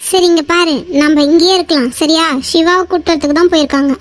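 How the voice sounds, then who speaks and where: Lady voicing a comforting cartoon bestie, calm and kind, high pitched. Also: fast talker. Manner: soothing, reassuring. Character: caring young woman friend, comforting. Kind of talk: cartoon voice acting.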